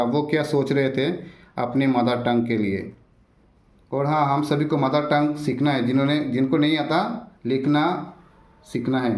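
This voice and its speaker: A man's voice: mid-range voice, darkish tone. Echoey male teacher, repeats himself. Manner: repeats himself, coaxing viewers to stay. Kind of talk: exam-prep lesson for students. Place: roadside coaching centre room. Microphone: no microphone, device's built-in mic. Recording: echoey room without a microphone. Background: occasional road traffic.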